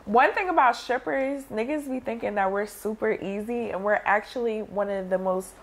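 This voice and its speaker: A woman's voice: a little high, moderate pace, a little hiss or hum. A woman in her twenties chatting casually as a podcast guest, blunt and slangy. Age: 20s. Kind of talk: casual chat. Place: small studio set on a couch, indoors.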